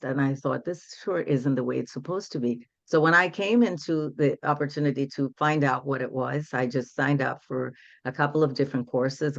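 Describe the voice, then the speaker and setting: A very deep, creaky voice belongs to this Brazilian woman in her sixties, a native Portuguese speaker telling stories in English as a guest empowerment coach for women. She's earnest and reflective in a casual interview; the audio is dull, without echo.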